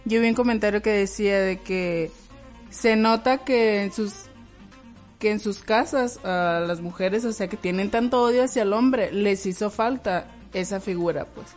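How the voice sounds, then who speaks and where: A woman's voice: mid-range voice, moderate pace, darkish tone. A woman in a casual discussion who speaks hesitantly, searching for her words. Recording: faint music behind.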